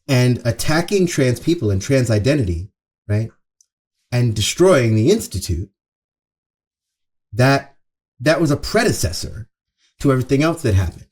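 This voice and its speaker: A man delivering an opening monologue as host, speaking in an earnest, emphatic, conversational way with pauses and repetition for stress. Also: medium pitch, sing-song, darkish tone, slightly rough. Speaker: show host. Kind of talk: opening monologue, half-scripted social commentary.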